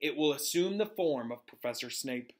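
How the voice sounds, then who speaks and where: A man acts out a cheerful wizard professor from a storybook. His voice is raised and swings widely in pitch as he instructs his class. He stays calm and encouraging, stressing his points clearly. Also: moderate pace, natural voice.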